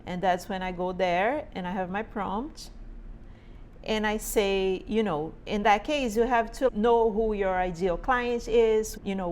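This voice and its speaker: Chatting informally to camera in her home sewing studio, a woman in her forties from Brazil teaches sewing in a fairly high voice. She runs a small business, speaks English as a second language with a Brazilian Portuguese accent, and keeps asking "right?"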